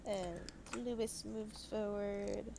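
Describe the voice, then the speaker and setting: A woman's voice: mid-range voice, steady tone, slow, gravelly, noisy background. A woman playing a tabletop role-playing game, casually describing her character's moves. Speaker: player.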